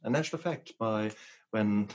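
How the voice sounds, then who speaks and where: Middle-aged man, interview host, very low voice, reflective storyteller. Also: a little slow, a little mellow.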